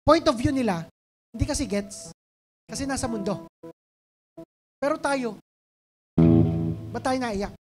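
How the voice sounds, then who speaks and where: A woman's voice: a little high, measured pace, long pauses. A woman pastor with a Filipino accent preaching a sermon, pleading and emotional, building to fervent intensity. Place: church stage. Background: soft band music.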